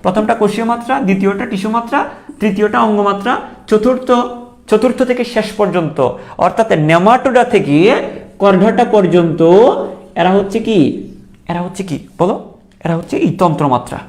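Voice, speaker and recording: A man's voice: sits high, normal speed, darkish tone. A young man teaching a biology exam-prep lecture, repeating key terms and quizzing his students as he goes.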